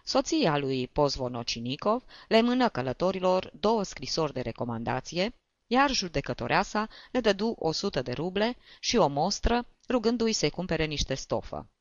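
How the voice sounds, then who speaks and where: A volunteer reader narrating an audiobook story with expressive storytelling. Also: mid-range voice, no room sound, lo-fi sound.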